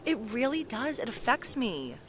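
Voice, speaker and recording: A woman's voice: on the high side, normal speed, a little hiss or hum. A young woman co-hosting a podcast in casual chat, telling stories and acting out voices. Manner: chatty, animated storyteller, acts out voices. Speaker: podcast co-host. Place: outdoors with birds and traffic.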